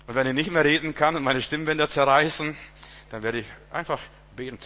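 Man, preacher, middle-aged, sermon, emphatic, loud and soft by turns, bright voice. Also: on the high side, brisk.

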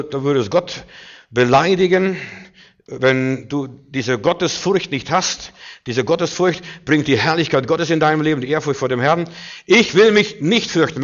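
A man preaching a sermon with emphasis, swinging between loud declarations and quiet, low asides. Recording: dull lo-fi recording.

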